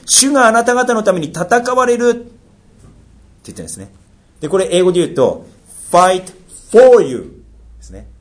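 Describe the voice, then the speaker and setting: A male pastor delivers a sermon in a middle-pitched voice that rises and falls very widely. He asks his listeners rhetorical questions. He pushes some phrases out loudly and drops others almost to a whisper. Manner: animated preaching with rhetorical questions, swinging from loud to near-whisper.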